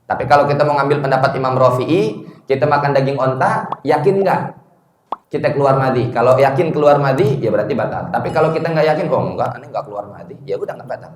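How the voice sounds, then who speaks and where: In an echoey room, a male Islamic teacher with a mid-range voice delivers a study lecture to a congregation. He tells stories in a lively, slangy style, chuckles, and chants Arabic quotations slowly.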